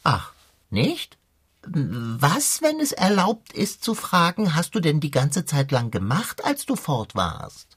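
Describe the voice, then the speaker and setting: A woman's voice: low voice, huge pitch swings, slow, husky, exaggerated voice. A woman voicing a pompous, plump male sidekick who is always hungry, speaking in grand, old-fashioned phrases in a children's radio play. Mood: curious.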